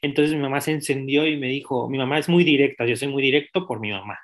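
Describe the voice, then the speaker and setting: A man's voice: medium pitch, quick pace, fairly bright tone. A young man, a podcast guest telling his own story in a direct, candid way with many restarts. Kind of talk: personal storytelling in an interview.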